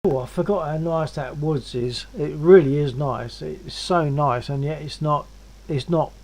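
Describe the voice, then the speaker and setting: Man, casual stream chat, self-deprecating, gravelly fry. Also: on the high side, unhurried, darkish tone, low-quality recording. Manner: chatty, self-deprecating, wordy. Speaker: stream guest.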